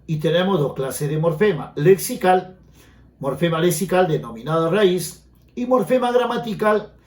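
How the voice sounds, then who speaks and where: A man's voice: fairly high pitch, darkish tone, echoey room. A man teaching a grammar lesson for an entrance exam, explaining step by step and often checking in with his students. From Peru. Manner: explanatory, asks students frequent check questions.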